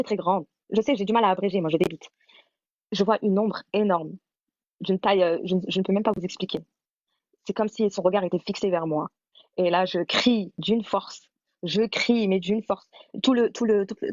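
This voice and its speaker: A woman's voice: lowish voice, darkish tone, no room sound, lo-fi sound. A woman hosting a live stream, telling her own story in a rambling way, full of restarts and repeated words.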